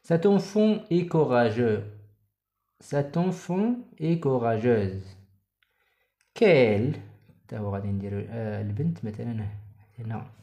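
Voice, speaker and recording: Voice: mid-range voice, animated, normal speed, pauses often, warm tone. A teacher with a Moroccan accent giving a primary school French lesson, reading example sentences aloud and explaining them in Darija. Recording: echoey room.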